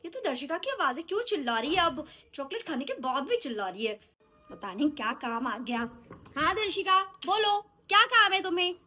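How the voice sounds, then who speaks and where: A woman's voice: high-pitched, sing-song, brisk, pushed and bright. A woman playing the mother in a scripted family vlog skit, scolding and lecturing her child while talking to the viewers. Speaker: mother and vlogger.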